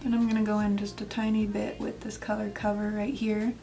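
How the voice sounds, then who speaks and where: A woman's voice: mid-range voice, completely flat delivery, fairly quick, gravelly, warm tone, soft background music. A young woman narrating a makeup tutorial in a casual, step-by-step way, sometimes dropping to a near whisper. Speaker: makeup vlogger.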